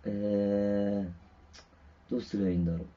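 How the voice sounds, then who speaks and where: A man's voice: lowish voice, little pitch movement, moderate pace, mellow, a little hiss or hum. A man livestreaming from home, rambling casually with many fillers while checking his mic and guitar sound. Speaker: musician livestreaming. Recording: dull lo-fi stream audio with distortion.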